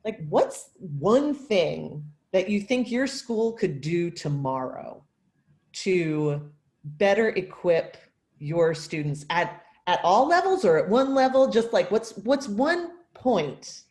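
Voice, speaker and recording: A woman facilitating a casual group discussion, rephrasing her questions haltingly as she goes. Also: mid-range voice, lively intonation, a little mellow.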